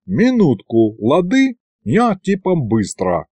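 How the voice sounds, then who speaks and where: A man's voice: on the high side, wildly swooping pitch, slow pace, a little mellow, dry recording, pitched above the performer's own voice, exaggerated voice. A man voicing a cocky male imp who plays at being tsar, talking in swaggering street slang.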